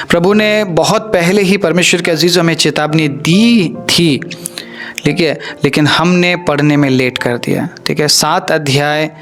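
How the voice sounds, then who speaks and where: A man's voice: a little high, fairly bright tone. A man preaching a sermon as a pastor, sternly warning his listeners and often adding "ठीक है" as he talks.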